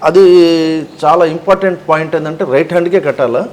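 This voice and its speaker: A man, a shop owner explaining things slowly and emphatically as an interview guest. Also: fairly high pitch, poor audio. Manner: slow, emphatic, explains step by step.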